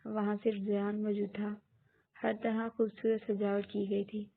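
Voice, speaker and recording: A woman narrating a romance novel as a steady, scripted audiobook reading. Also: mid-range voice, gravelly. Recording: tinny phone-like audio.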